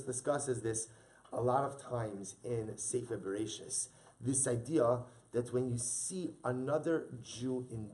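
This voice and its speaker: With a breathy edge to his medium-pitched voice, the rabbi recites Hebrew text to his Torah class and explains it in English. Key ideas get repeated for emphasis.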